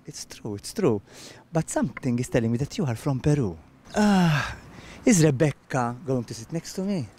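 A man's voice: medium pitch, expressive, normal speed, a little mellow. A man in his thirties with a Maltese accent, hosting an outdoor TV segment in a garden, coaching his guest and repeating himself before turning sentimental. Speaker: TV host. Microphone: handheld microphone.

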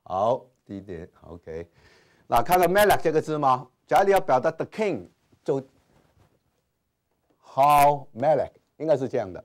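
A man's voice: mid-range voice, very animated, brisk. A man teaching Hebrew grammar in a classroom lecture, dropping in English terms and many "ah" and "ha" fillers. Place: classroom with whiteboard.

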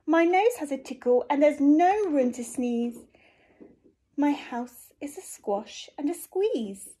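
A woman's voice: sits high, lively intonation, slow pace, mellow, voice pushed up. A woman voicing a fussy, grumbling little old lady from a picture book, pleading and exclaiming. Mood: fretful pleading.

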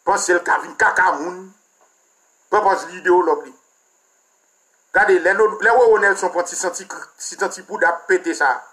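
Haitian male commentator, high-pitched, bright tone, scornful, crude, fired-up rant. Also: normal speed, pauses often. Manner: mocking, crude, animated. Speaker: political commentator. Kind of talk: heated political rant.

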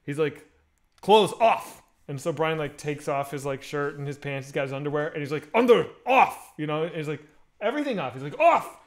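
Crude stories pour out of this energetic podcast host, a man in his thirties whose voice is on the high side and a little fast. He's hosting a casual video-call chat on a headset mic in a home room with bookshelves.

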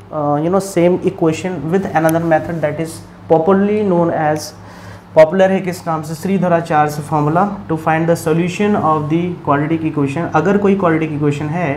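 An Indian man walks through a math solution at a slow, measured pace. His voice sits a little on the high side, and he pauses to quiz his listeners before giving the answer. A faint background hiss runs under the recording. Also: a little mellow. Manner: step-by-step, asks questions and answers them himself. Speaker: math teacher. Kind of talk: explaining a math problem, mixing Hindi and English.

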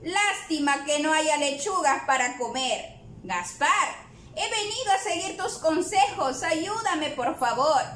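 Woman voicing a high-pitched fussy cow girl for a storybook reading, whiny and stubborn, roomy echo. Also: animated, takes it slowly, fairly bright tone, slight background noise, exaggerated voice. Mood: cheerful. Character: fussy young female cow, stubborn and fretful. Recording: echoey room.

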